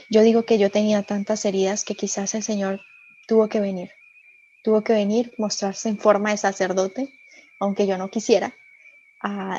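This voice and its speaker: A woman from Colombia sharing a personal faith testimony as a podcast guest, telling her story earnestly with soft asides. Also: medium pitch, muffled recording.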